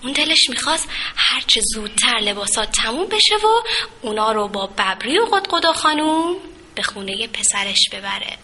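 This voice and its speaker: A woman narrating a children's story in a gentle, lilting storytelling way. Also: a little high, sing-song, a little hiss or hum.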